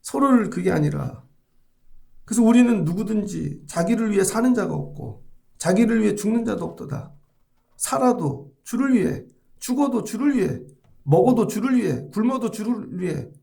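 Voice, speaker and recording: A man's voice: high voice, vocal fry, mellow. A male pastor giving an early morning sermon in a church, asking the congregation questions and acting out sample prayers. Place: church sanctuary.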